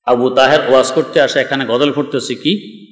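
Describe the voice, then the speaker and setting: A man's voice: mid-range voice, flat delivery, brisk. A man from Bangladesh, preaching a sermon in an emphatic, argumentative and mocking way. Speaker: Islamic preacher. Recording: echoey hall reverb.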